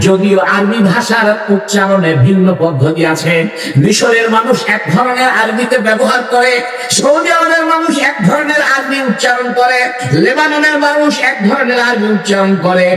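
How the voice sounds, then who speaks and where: A man, an Islamic scholar, preaching emphatically at a conference, building up lists and rising to loud declarations. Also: sits high. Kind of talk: Bengali religious speech to a crowd. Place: large hall or outdoor stage with PA. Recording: echoey hall, voice from a distance.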